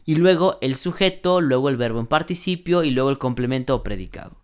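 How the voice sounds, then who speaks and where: A man teaching an English grammar class online, explaining step by step, translating each example and saying the English sentences slowly. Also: mid-range voice, lively intonation, smooth.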